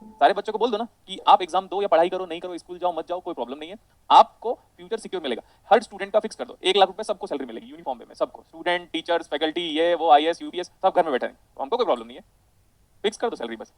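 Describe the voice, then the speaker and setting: Guy teaching physics online super fast, animated, kinda high voice, dry room. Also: no room sound, poor audio. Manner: rapid, animated, addresses students as beta. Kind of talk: online lecture with digressions.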